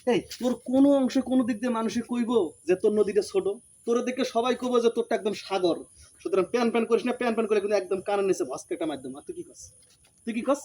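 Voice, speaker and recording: A man playing a high-voiced, fast-talking scheming husband. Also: mellow. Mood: bossy. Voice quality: pushy, wheedling hawker's patter. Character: scheming poor husband selling his wives. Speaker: husband hiring out his wives. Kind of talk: short film acting.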